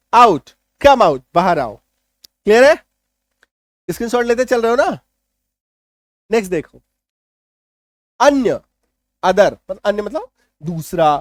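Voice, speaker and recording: A man, an English teacher patiently explaining vocabulary in a lesson and often checking if it is clear. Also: sits high, dry recording.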